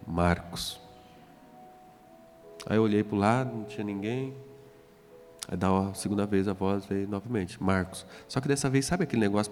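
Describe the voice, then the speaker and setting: A man, a pastor telling his conversion story in a sermon and acting out the dialogue. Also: lowish voice. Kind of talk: testimony sermon. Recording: reverberant hall with soft music.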